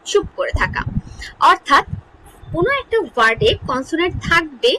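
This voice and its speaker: A woman teaching an English grammar lesson in Bengali, asking questions and answering them herself, repeating example words slowly. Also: high-pitched, lively intonation, pushed and bright, slight background noise, low-quality recording. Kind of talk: online lesson explaining English spelling.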